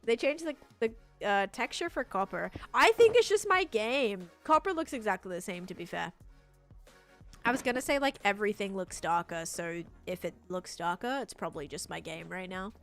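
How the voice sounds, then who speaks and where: A woman livestreaming a game in casual chat, rambling and thinking aloud as she answers viewers, with expressive jumps in pitch and volume. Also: moderate pace. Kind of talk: casual gameplay stream chat. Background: music.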